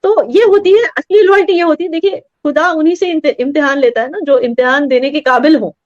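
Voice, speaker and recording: A woman's voice: high voice, brisk, no echo. A woman from Kashmir, a guest who argues her point earnestly and emphatically with homely examples. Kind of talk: earnest conversational argument. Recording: dry, slightly muffled audio.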